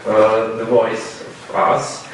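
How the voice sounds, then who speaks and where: A man's voice: lowish voice, monotone, a little hiss or hum. Hesitant Czech-accented man in a big hall. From Czech Republic. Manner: halting, searching for words. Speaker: audience member asking a question. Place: debate hall. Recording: echoey hall, mic at a distance.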